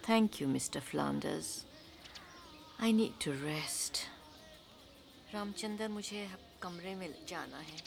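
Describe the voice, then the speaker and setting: An actress playing an imperious, frail elderly Indian aunt in an audio drama, with a sharp, commanding manner and an Indian accent. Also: female voice, on the high side, sing-song, quick pace, noisy background. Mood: weary, disappointed. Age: older.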